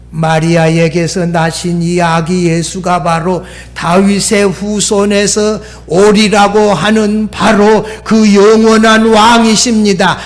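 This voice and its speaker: High-voiced Korean pastor shouting fervent pleas. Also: male voice. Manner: shifts between hushed storytelling and loud fervent shouted pleas. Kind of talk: sermon.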